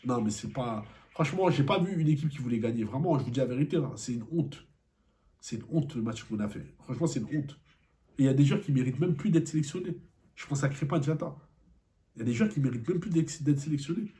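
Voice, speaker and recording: A man's voice: mid-range voice, fast talker, warm tone. A man giving an angry post-match football debrief, repeating himself and firing rhetorical questions. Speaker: football vlogger.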